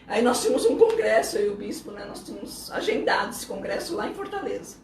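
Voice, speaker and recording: Gravelly Brazilian woman with a rough voice. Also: mid-range voice, fast talker, far from the mic, a crowd in the background. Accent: Brazilian Portuguese. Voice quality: voice left rough after vocal cord damage. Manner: animated storyteller, laughs often, many tag questions. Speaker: pastor, interview guest. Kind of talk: casual testimony in conversation. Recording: roomy sound, speaker away from the mic, faint noise.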